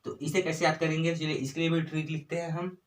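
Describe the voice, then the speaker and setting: Quick and flat in delivery, with a voice on the high side, this exam tutor speaks Hindi in a Chhattisgarhi accent. He works through the lesson by asking himself questions and answering them, returning often to "ठीक है" and "है ना".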